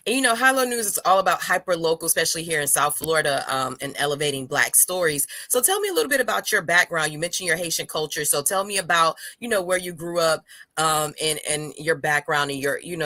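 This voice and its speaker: A woman's voice: sits low, brisk, bright, forceful tone, dry recording. A woman hosting an interview, asking questions in an encouraging, conversational way. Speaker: interview host.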